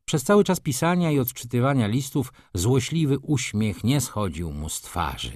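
A man narrating a novel in an expressive, animated storytelling voice. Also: mid-range voice, normal speed, dry recording, studio quality. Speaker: audiobook narrator. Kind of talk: scripted literary narration.

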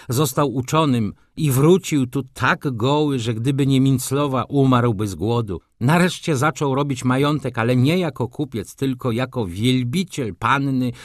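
A man's voice: mid-range voice, dry recording, clean studio sound, lightly acted. A man voicing a brusque, sardonic middle-aged doctor in an audiobook, scolding and ironic.

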